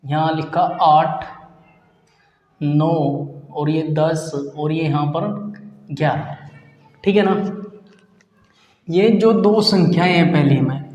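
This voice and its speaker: A man's voice: a little high, darkish tone, reverberant, big-room sound. A man teaching a maths lesson. He asks questions and answers them himself, and he repeats key terms as he counts out numbers. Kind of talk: classroom lesson at a board.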